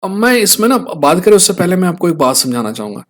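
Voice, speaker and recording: A man's voice: high-pitched, very animated, fast talker. A young Indian man giving a casual fight breakdown, checking in with viewers through frequent tag questions as he talks. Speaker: fight analyst host. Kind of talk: casual explainer talk.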